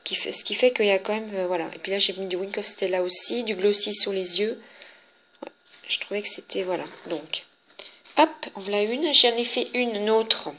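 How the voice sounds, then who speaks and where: A French-accented woman chats through her handmade cards, stopping and restarting often as she goes. Her voice is bright and forward. A faint hiss runs under the recording. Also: mid-range voice. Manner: chatty, halting, many fillers and restarts. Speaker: papercraft vlogger. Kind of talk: casual show-and-tell of handmade cards.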